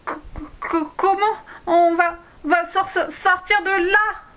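A woman's voice: fairly high pitch, brisk, pushed and bright, voice pushed up. A woman voicing a timid, fretful young schoolgirl who stammers, in a read-aloud storybook.

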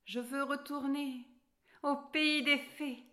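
A woman's voice: fairly even intonation, slow pace, bright, forceful tone, full character voice. A woman voicing Alice, a brave, polite young girl, in a storybook read aloud. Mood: eager. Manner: high and eager, polite.

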